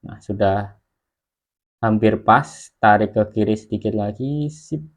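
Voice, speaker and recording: Man calmly walking through an editing tutorial. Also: on the low side, dull audio. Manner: slow, step-by-step explaining while working. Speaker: online course instructor. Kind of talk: screen-recorded video editing tutorial.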